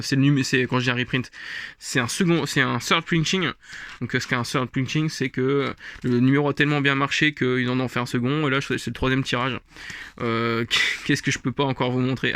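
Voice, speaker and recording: A man talks through his comic collection in a loose, rambling way, dotting his speech with fillers and small laughs. His voice sits at an ordinary pitch but sounds bright and a little tense. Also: no echo. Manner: rambling, chuckling, many fillers. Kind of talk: casual show-and-tell vlog.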